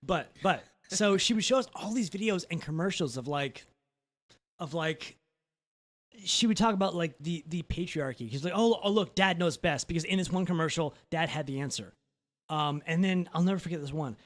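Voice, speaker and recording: A high-pitched man in his thirties rambles through a crude podcast story, circling back on his own words. He often breaks into laughter mid-sentence and keeps the tone loose and casual. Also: animated, normal speed. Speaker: podcast co-host.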